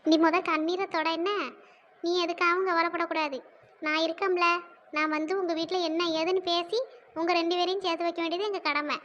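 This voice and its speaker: A woman's voice: very high-pitched, steady tone, fairly quick, fairly bright tone, muffled recording, a little hiss or hum. Woman voicing a bossy old village mother. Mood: reassuring. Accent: southern Tamil village dialect. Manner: bossy, scolding, then soothing. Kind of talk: cartoon dialogue.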